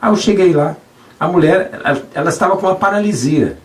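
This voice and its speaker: A man from Brazil, a doctor, telling a faith story in a conversational preaching way, with many rhetorical "né?" tags and sharp rises on repeated phrases. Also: high-pitched, quick pace. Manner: animated, rising sharply on repeated phrases, frequent "né?". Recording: roomy, slightly distant radio recording.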